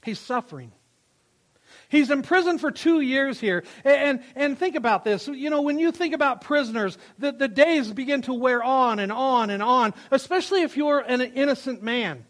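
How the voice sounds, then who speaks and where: A man preaching a sermon as pastor, emphatic, repeating phrases and swinging from loud to quiet. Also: very high-pitched, animated, moderate pace. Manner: emphatic, repeats phrases, rises and drops in volume.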